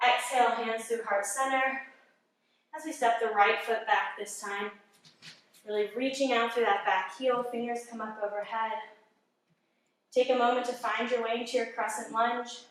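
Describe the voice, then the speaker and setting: A woman yoga instructor calmly guiding a workout, giving encouraging breath cues and sounding slightly out of breath. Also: on the high side, moderate pace. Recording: very echoey room, mic at a distance.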